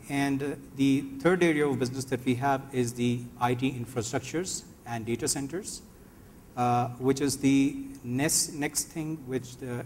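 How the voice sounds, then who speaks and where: A man's voice: mid-range voice, darkish tone, slight background noise. A company director introducing his firm on a conference panel, explaining steadily with frequent fillers.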